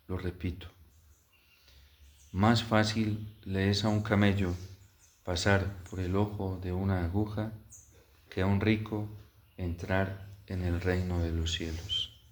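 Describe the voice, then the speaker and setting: Slow, low-voiced priest in cathedral echo. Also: male voice. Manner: measured, solemn delivery. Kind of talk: solemn liturgical Gospel reading and homily. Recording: echoey, cathedral-like church reverb.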